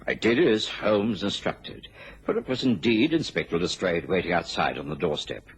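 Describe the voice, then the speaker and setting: An actor playing a proper, earnest Victorian doctor in a radio drama, with a British accent and a husky, formal, expressive delivery. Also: male voice, low voice, moderate pace, poor audio. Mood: measured narrating. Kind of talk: radio drama acting and narration.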